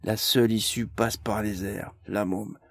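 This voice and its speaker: Fields: Figure: a man doing a gruff, foul-mouthed ogre. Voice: gravelly. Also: lowish voice, level tone, a little slow, no echo, clean studio sound. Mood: sardonic. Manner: gruff, slangy, sarcastic.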